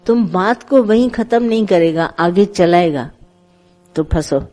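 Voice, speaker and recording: A woman's voice: on the low side, measured pace, warm tone, low-quality recording. A middle-aged woman leading a devotional satsang, talking in a conversational way to her followers, telling parables and slipping English words into her speech. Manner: conversational, tells parables with acted quotes, mixes English words. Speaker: spiritual teacher leading satsang.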